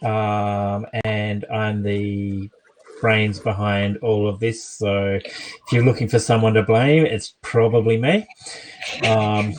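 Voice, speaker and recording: A man's voice: on the low side, slow pace, low-quality recording. A man, the game master, chatting loosely with plenty of fillers as he wraps up a stream. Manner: relaxed, rambling with fillers. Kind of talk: casual stream chat.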